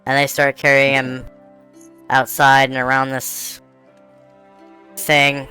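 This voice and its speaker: Mężczyzna prowadzący grę fabularną jako mistrz gry, z głosem przepuszczonym przez filtr zmieniający go na kobiecy. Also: male voice, medium pitch, monotone, pushed and bright, clear, resonant tone, faint music behind, pitched above the performer's own voice. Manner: unhurried, explaining rules and scenes. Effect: female voice changer filter. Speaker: game master. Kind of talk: narrating an online tabletop game.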